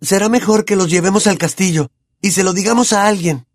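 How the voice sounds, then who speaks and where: A man with a Latin American accent voicing a brave, desperate teenage boy wizard in an audiobook, calling out in urgent shouts. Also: high-pitched, a little fast, no room sound, clean studio sound, pitched above the performer's own voice, lightly acted. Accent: Latin American Spanish.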